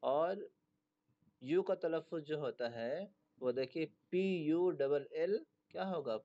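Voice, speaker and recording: A man's voice: a little high, slow, warm tone. A man teaching a class, patiently spelling out words letter by letter and explaining how each one is pronounced. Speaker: English teacher. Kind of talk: classroom lesson explaining pronunciation. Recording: dull lo-fi recording.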